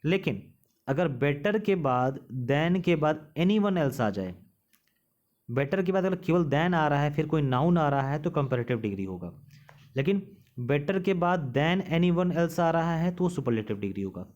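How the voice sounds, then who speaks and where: A male teacher explaining English grammar rules in Hindi, reading the English rules out slowly and asking his students questions as he explains. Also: fairly high pitch, expressive, darkish tone, lo-fi sound.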